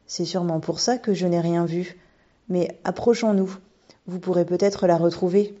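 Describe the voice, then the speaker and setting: A woman's voice: lowish voice, fairly even intonation, moderate pace, natural voice. A woman voicing a shy, polite little girl in a storybook reading, with a dull lo-fi sound. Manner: polite, gentle. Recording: dull lo-fi recording.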